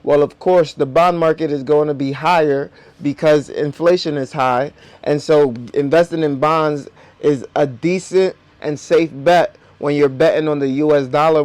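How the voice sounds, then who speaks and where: A man's voice: a little high, a little mellow, no echo. A man speaking with dental braces that slightly impede his articulation, explaining things to viewers as a video host. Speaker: host of a personal finance video.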